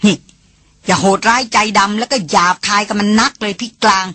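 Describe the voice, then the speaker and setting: A woman's voice: fairly high pitch, normal speed, fairly bright tone, dry recording. A woman voicing a headstrong young woman who scolds and speaks with sarcasm in an audiobook. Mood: scolding. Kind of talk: audiobook character reading.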